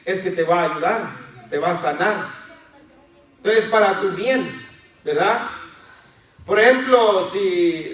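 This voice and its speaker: A man preaches to his congregation in a high voice and keeps turning to them with questions. He is heard from a distance, and his words ring out in a very echoey hall. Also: a bit bright. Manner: addresses the congregation as brothers and sisters, with questions to the listeners; acts out voices of children and believers in quotes. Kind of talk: sermon.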